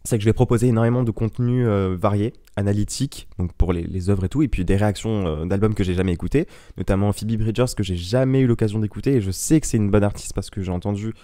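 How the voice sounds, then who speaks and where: A young adult podcast host with a lowish, warm voice talks quickly with few pauses, chatting solo in a casual, meandering, self-mocking way. He's using a ten-year-old microphone; the audio has no echo and studio quality.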